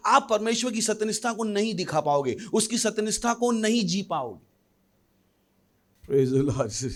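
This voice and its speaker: A male pastor preaching a sermon, lively with humorous asides and questions thrown to the congregation. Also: high voice. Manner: animated preaching with humorous asides and acted voices.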